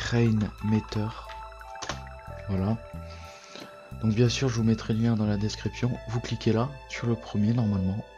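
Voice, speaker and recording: A tired man with a lowish voice walks through a computer tutorial in a casual, halting way. He keeps stopping on fillers and correcting himself. Faint music plays under his voice. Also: muffled recording. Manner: hesitant, many fillers and self-corrections. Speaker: tech tutorial youtuber. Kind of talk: casual screen-recorded tutorial.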